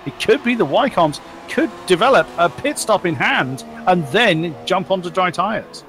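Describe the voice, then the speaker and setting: A man's voice: high voice, lively intonation, moderate pace, fairly bright tone, slight background noise. A man commentating live on a car race as a motorsport commentator, exclaiming and reacting to the action on track.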